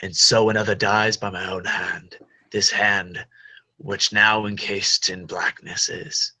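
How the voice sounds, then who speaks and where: A man reading a dark armored lord in solemn Shakespearean verse, slow and declaiming, sometimes dropping to a whisper. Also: fairly low pitch, flat delivery, full character voice. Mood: solemn menacing. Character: dark armored male lord, menacing and brooding.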